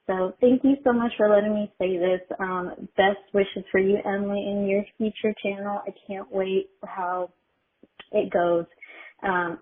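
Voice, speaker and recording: Nervous giggly woman leaving a phone voicemail. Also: mid-range voice. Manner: nervous, giggly, lots of ums. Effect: voicemail message over a phone line. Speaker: voicemail caller. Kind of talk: heartfelt encouraging message. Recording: tinny phone-line voicemail.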